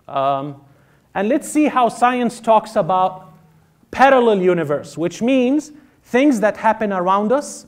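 A religious lecturer speaking to a seminar crowd in a high, bright-sounding man's voice. He swings his pitch up and down with great animation, playing out the doubters he argues with. His delivery is expressive and conversational. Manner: animated, mimics doubters in exaggerated tones. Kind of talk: live seminar talk. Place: seminar hall with audience.

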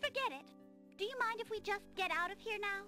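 A woman voicing a haughty, sharp-tongued captive princess in a video game, imperious and scornful. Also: very high-pitched, expressive, a little fast, music in the background.

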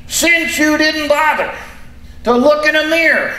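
A squeaky ventriloquist dummy, an excitable folksy redneck who grumbles and exclaims. The voice is very high and drawls along slowly. It is a stage comedy act in an echoey theater with faint noise. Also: male voice, full character voice. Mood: gleeful, brash. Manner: folksy, exclaiming, comically exasperated.

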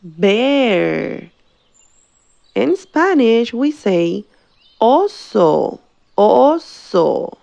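A woman's voice: a little high, big pitch swings, vocal fry, warm tone, muffled recording. A woman teacher giving a bilingual vocabulary lesson for children, drawing out each word for the class to repeat. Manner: slow, drawn-out words for repetition.

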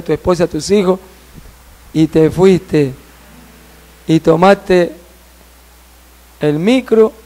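A sorrowful divine judge hands down a verdict in slow, solemn, firm tones, voiced by a male preacher. The voice stays fairly high for a man. It carries grief and unbending authority. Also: a little mellow.

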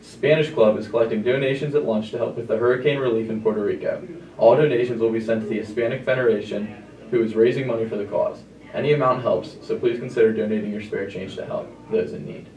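A man rattles off school announcements at a fast clip in a brisk, matter-of-fact read. His voice comes through a loudspeaker and sounds distant, with plenty of room echo. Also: on the low side, fairly even intonation. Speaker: student announcer. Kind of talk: reading morning school announcements.

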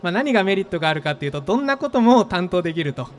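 A startup founder in his thirties from Gifu, Japan, is being interviewed on an expo stage, speaking quickly and thoughtfully into a handheld mic with lots of fillers. His voice sits high and swings widely in pitch.

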